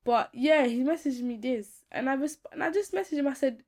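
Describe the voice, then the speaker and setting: A woman in her twenties with a London accent tells stories in a casual, animated chat, full of slang and repeated words for emphasis. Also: sits high, fairly quick.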